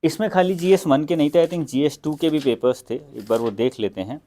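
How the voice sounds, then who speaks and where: A young Indian man prepares students for exams in a casual, conversational lesson. He speaks Hindi mixed with English phrases and frequent fillers. His voice is on the high side and dark-toned, and he talks briskly.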